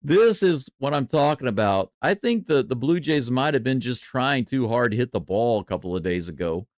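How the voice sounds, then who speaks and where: A man gives live baseball play-by-play with a fan's running reactions. His voice sits in a middle register, and he moves between easy chatter and excited calls. The sound is close and dry. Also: medium pitch, normal speed, no echo. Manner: excitable, chatty, jumps from calm to loud cheering. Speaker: play-by-play streamer.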